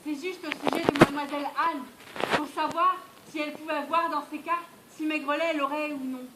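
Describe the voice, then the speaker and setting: A woman's voice: high-pitched, steady tone, a little fast, close to an everyday voice. A woman acting a naive, dim but earnest servant messenger in a stage comedy, guileless and insistent. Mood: naive, hesitant. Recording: stage recording with faint noise.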